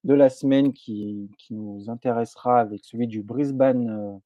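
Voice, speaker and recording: A man co-hosting a show, running through the lineup in a relaxed, jokey way with some hesitations. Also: mid-range voice, normal speed, dry recording, muffled recording. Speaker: co-host.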